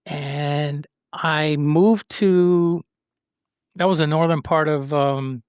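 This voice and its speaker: A man's voice: a little high, steady tone, very slow, clean tone, dry recording, studio quality. A man from Rico, hosting a podcast and earnestly telling a personal story, rambling and acting out what people said. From Puerto Rico. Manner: earnest, rambling, acts out the voices of people he quotes. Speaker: podcast host.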